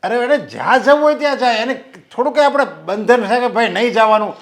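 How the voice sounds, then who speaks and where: A man's voice: very high-pitched, animated, fast talker. A scolding, anxious father. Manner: scolding, agitated. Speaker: worried father of the bride. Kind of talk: Gujarati film acting.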